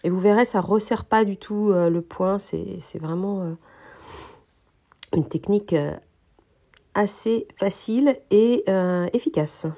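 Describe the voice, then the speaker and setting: A woman teaching a knitting technique, explaining each step calmly with frequent hesitations, her voice slightly nasal from a cold. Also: mid-range voice. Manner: calm, hesitant explaining with many pauses. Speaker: knitting instructor. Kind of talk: knitting tutorial.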